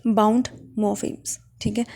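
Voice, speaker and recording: Woman teacher with a mellow voice. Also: mid-range voice, level tone, vocal fry. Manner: explains step by step, checks understanding with frequent rhetorical questions; slows right down to dictate English definitions. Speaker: English linguistics teacher. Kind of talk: classroom lecture.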